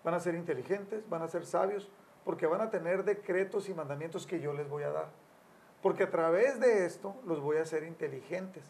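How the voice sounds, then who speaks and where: Gravelly older man telling family stories. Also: a little high, normal speed, darkish tone. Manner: storytelling, acts out quotes with raised voice. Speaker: family counselor guest.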